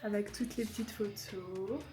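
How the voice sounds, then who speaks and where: A woman's voice: medium pitch, steady tone, measured pace. A woman chatting casually and joking during a house tour. Her voice rings with a heavy, cathedral-like echo. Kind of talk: casual chat. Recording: very echoey voice from far off, loud music.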